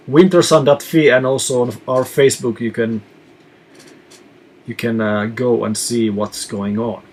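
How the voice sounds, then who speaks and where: Speaking at a medium pitch, this man from Finland is a touring musician who casually answers viewer questions in a live chat, reading each one aloud first.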